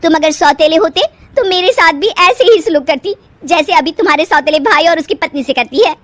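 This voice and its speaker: A woman's voice: sits high, very animated, moderate pace, fairly bright tone, pitched above the performer's own voice. A woman voicing a spoiled, bossy young wife in a cartoon, whining and haughty. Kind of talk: cartoon voice acting.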